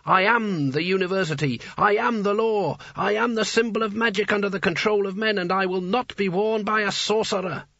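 Man doing a pompous talking wizard hat, raised voice, commanding, husky, storybook reading. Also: high-pitched, a little fast, few pauses, fairly bright tone, dry recording, muffled recording, pitched above the performer's own voice. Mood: solemn, grand. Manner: imperious, grandiose, sarcastic.

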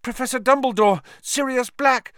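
A man voicing a frustrated teenage boy, furious and loud. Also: very high voice, moderate pace, smooth, no echo, studio quality, voice pushed up. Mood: urgent. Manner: furious, shouting.

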